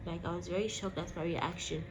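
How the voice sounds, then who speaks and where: A woman's voice: on the low side, steady tone, a little fast, background noise. A woman vlog host telling a personal story casually and emphatically, speaking directly to her listeners. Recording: background music behind the voice. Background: music.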